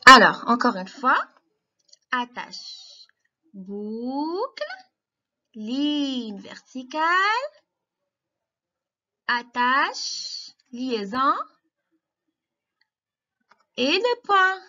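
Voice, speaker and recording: A woman teacher giving slow, clear lessons to young children, patient and encouraging as she spells out each step. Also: sits high, lively intonation, pushed and bright, highs cut off.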